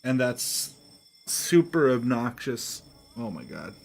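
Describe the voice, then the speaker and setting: A man's voice: mid-range voice, very animated, takes it slowly, gravelly, low-quality recording. A man doing casual live gameplay commentary, thinking aloud and chatting to viewers as a streamer. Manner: thinking aloud, often chuckling. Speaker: game streamer.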